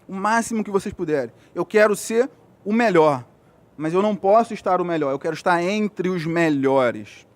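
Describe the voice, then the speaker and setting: A man's voice: high voice, normal speed. A Brazilian man, a physiotherapist, giving an earnest motivational speech to young athletes, checking in often with his listeners. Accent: Brazilian Portuguese.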